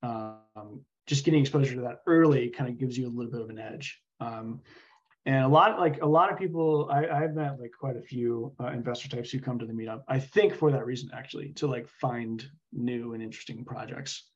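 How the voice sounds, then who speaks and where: A man speaking informally as an interview guest, halting and thinking aloud as he explains his views. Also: mid-range voice, slightly rough, muffled recording. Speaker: podcast guest, software engineer. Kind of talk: casual interview conversation.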